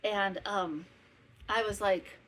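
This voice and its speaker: A woman in her fifties from northwestern Wisconsin in the US Midwest hosts and makes a casual chat podcast from home, rambling with asides and correcting herself. Her mid-range voice is steady, a bit bright, and slow. A fan hums faintly in the summer heat, and the recording is low quality.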